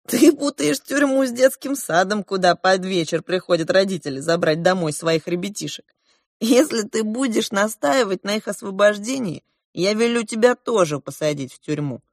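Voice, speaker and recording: A woman's voice: mid-range voice, expressive, moderate pace, darkish tone, dry recording, studio quality. A woman voicing a haughty, cruel elder prince who mocks and commands in a storybook reading. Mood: mocking. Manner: mocking, commanding.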